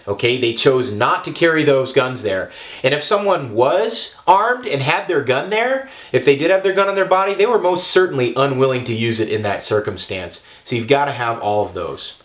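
A young man with a mid-pitched voice talks straight to the camera as a firearms instructor. He is emphatic and preachy, hammering each point home and pausing to check in with "okay" and "all right". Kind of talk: direct-to-camera talk.

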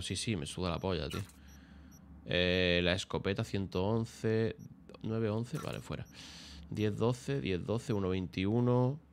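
A man talks through a game on stream, chatty and swearing freely. His voice sits a little low, with faint noise behind it. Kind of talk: casual gameplay commentary.

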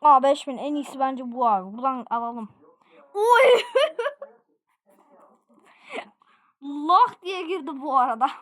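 A woman giving live gameplay commentary, excitable and quick to laugh and shout out exclamations. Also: high-pitched. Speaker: gaming video creator.

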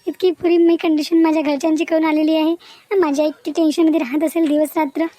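A woman's voice: sits high, level tone, fast, warm tone, lightly acted. A woman voicing a young educated village woman in a cartoon, upset and confronting the boyfriend she ran away with. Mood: hurt. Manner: pleading then demanding, confrontational. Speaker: cartoon character. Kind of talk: Marathi cartoon voice acting.

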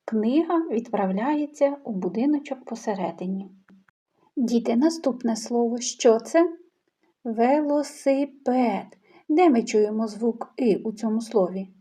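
A woman's voice: a little high, lively intonation, normal speed, warm tone, breathy edge. A woman giving a patient phonics lesson to young children, prompting and praising them. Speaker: kindergarten teacher.

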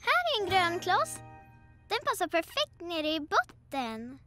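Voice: very high voice, huge pitch swings, bright, forceful tone, heavily acted. A child dubbing a sweet young kitten girl in a children's cartoon, adding little meows to her speech. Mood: delighted. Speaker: cartoon character. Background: children's music.

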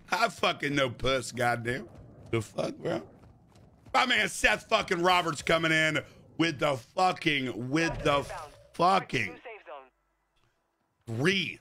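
A man livestreaming game commentary in a brash, animated frat-bro manner, swearing constantly and exclaiming. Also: a little high, a little hiss or hum. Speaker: video game livestream host. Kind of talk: livestream gaming chat and commentary.

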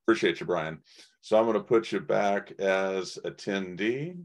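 A man in his forties runs an online conference session over a video call. His voice sits low, and he talks in a chatty way full of fillers and restarts. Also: moderate pace. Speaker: host. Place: indoors in front of a branded backdrop. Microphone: webcam video call.

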